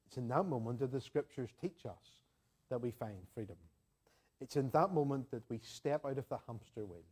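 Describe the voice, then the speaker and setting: A man's voice: mid-range voice, lively intonation, moderate pace, a little mellow, husky. A man with an Ulster accent from Northern Ireland preaching a sermon in an earnest, conversational manner, repeating phrases for emphasis. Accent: Northern Irish, Ulster. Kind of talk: sermon to a congregation, with homely anecdotes and prayer.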